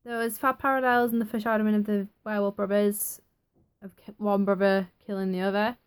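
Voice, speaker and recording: Young woman, casual reviewer, chatty and excitable. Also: medium pitch, brisk, smooth. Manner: chatty, excitable, acts out quotes. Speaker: TV episode reviewer.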